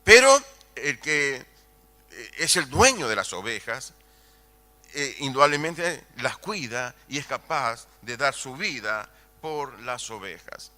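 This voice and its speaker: An older man in his sixties preaches a sermon in a very bright, sharp voice that swings widely in pitch. He speaks slowly and with emphasis, repeats key phrases, and puts rhetorical questions to the congregation. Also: sing-song. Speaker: pastor.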